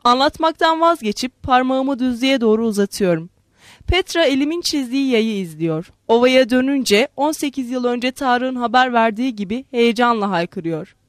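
A woman reading a literary novel aloud in a measured, expressive way. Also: fairly high pitch, dry recording, studio quality. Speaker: narrator. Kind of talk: literary audiobook narration.

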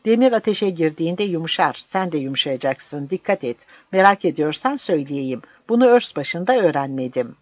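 A reader voicing a stubborn, sharp-tongued village blacksmith who talks back firmly. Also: mid-range voice, lively intonation, normal speed, few pauses, dry recording, muffled recording, natural voice. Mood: defiant. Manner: firm, defiant.

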